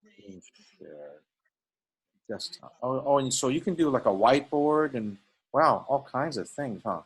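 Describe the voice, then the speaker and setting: A man talks casually in a group video chat. His voice is husky and rough-edged, at a middle pitch, in an informal conversational style. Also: big pitch swings, a little slow, rough recording. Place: indoors on a computer video call.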